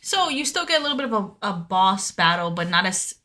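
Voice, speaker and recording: A woman's voice: medium pitch, sing-song, brisk, sharp tone. A young woman co-hosting a podcast, chatting in a friendly way and reading out contact details. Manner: friendly, chatty, reads listener email info. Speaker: podcast co-host. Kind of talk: casual chat.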